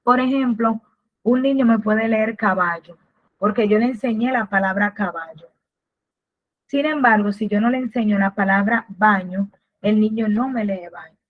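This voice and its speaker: A woman's voice: mid-range voice, normal speed. Woman lecturing over tinny webinar audio. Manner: patient, explanatory, asks and answers her own questions. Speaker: literacy workshop presenter.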